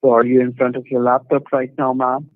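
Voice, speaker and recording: A man's voice: medium pitch, completely flat delivery, fairly quick, no echo. A man posing as tech support on a phone call, running a script and repeating his questions insistently. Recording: tinny phone line.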